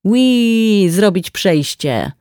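A woman voicing a busy young mother who briskly rushes her boys along, a little higher and louder than her narration. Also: very animated, no echo, studio quality. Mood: hurried. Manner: brisk, commanding. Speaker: hairdresser.

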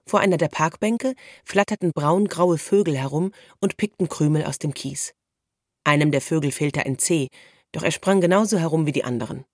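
Woman, storybook narrator, low voice, calm and even, dry close sound. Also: moderate pace, dry recording. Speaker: audiobook narrator.

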